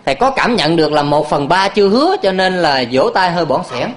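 A man's voice: sits high, big pitch swings, brisk, slight background noise. A man, a Buddhist monk, preaching to a hall of followers in a playful way, laughing often and quizzing the audience. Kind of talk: sermon.

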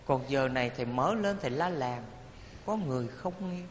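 A man, a Buddhist monk, giving a playful, animated dharma talk to an audience and leading them in chanting. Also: medium pitch, a little fast, slight background noise. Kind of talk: sermon. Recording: reverberant hall, faint ambience.

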